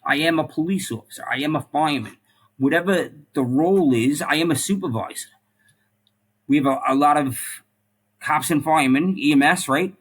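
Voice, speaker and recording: In a casual interview conversation, a middle-aged podcast guest with a past as both a police officer and a firefighter talks earnestly. He keeps repeating words and adding "like" and "right?". His voice is a little high, a bit bright and husky, at a moderate pace.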